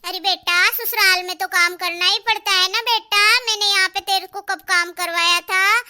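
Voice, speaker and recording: A woman voicing a patient middle-aged mother in a cartoon, soothing and gently scolding her married daughter. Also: very high voice, fairly even intonation, moderate pace, heavily acted. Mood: coaxing. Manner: coaxing, keeps calling her daughter "beta". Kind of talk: cartoon dialogue.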